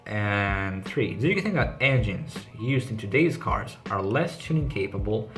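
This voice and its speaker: Over background music, a Greek car vlogger with a low-leaning, animated and slightly bright voice speaks at a measured pace. He reads out questions casually and answers them briefly and matter-of-factly in his Greek accent.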